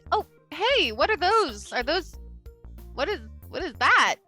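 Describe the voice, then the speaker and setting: A woman plays a pizzeria owner in a tabletop roleplaying game, a familiar, friendly man who talks in a chatty, hesitant way. The voice is high and bright, apologetic in manner, with faint music underneath. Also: sing-song, brisk, heavily acted. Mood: curious, puzzled.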